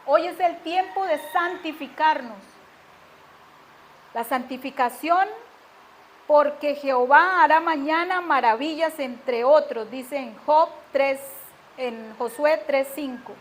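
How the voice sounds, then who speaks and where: A middle-aged woman preaching a sermon and telling her own testimony, earnest, swinging from hushed confessions to emphatic declarations. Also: high-pitched, slow, slight background noise.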